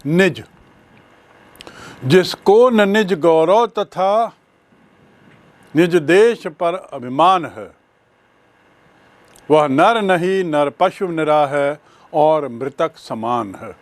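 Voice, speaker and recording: Male grammar teacher, slightly high voice, very slow and deliberate, spells words out. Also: animated. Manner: slow, deliberate explaining with spelled-out letters and examples. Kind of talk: bilingual classroom lecture.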